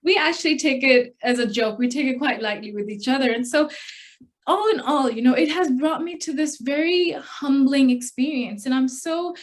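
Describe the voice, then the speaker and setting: A woman's voice: high-pitched, normal speed. A young woman from Hong Kong giving a prepared contest speech, telling a personal story in an earnest manner. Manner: earnest storytelling, acts out quoted dialogue. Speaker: test speaker at a speech contest.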